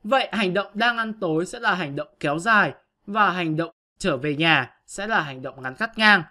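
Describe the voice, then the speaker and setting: Guy teacher walking kids through grammar, bright clear voice, patient and step by step. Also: high-pitched, expressive, moderate pace. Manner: patient, step-by-step explanation addressing pupils. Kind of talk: online grammar lesson.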